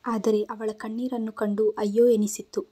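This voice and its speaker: A woman narrating a romantic audio story in steady, expressive storytelling. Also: a little high, moderate pace, breathy edge. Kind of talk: scripted narration.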